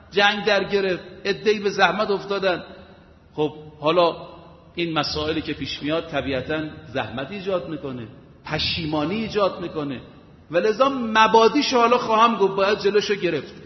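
Man, preacher, high voice, emphatic sermon, rhetorical questions, long hall reverb. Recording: echoey hall, dull lo-fi sound.

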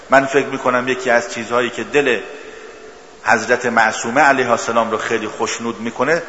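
A man's voice: mid-range voice, bright, forceful tone. Man preaching a religious sermon, narrates stories, roomy hall with faint background noise. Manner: storytelling, later rising into chanted lament. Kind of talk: religious sermon with storytelling and mourning recitation. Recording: echoey hall, slightly dull with faint noise.

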